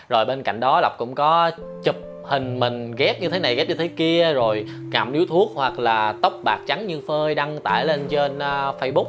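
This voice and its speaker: A man's voice: medium pitch, fairly bright tone. A man hosting a commentary vlog, speaking to viewers directly, with many hesitation fillers and referring to himself by name in the third person. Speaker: lawyer and channel host.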